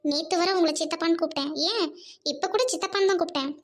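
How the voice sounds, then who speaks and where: Brief: woman voicing defiant young wife, high-pitched, scolding and fearless, amateur skit. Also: very fast. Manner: fierce, accusing, scolding. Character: defiant young married woman confronting her scheming uncle.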